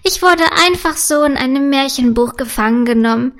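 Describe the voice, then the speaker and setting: A woman voicing a tiny, cheerful homework fairy with a high, friendly, giggly voice in a children's storybook. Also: moderate pace, a bit bright. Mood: bubbly. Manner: giggly, bubbly.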